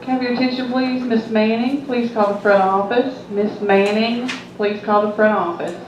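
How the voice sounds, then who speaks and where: Lady on the school pa speaker, kinda high voice, calm formal announcement, muffled. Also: moderate pace. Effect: over a school intercom loudspeaker. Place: classroom, heard from a ceiling speaker. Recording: muffled echoey intercom with hiss.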